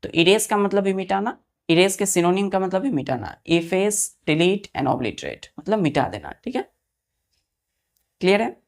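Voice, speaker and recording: Speaking at medium pitch, very animated and unhurried, a woman teacher gives a vocabulary lesson to exam students. She spells words letter by letter, repeats what each means, and asks the children questions to make sure they follow.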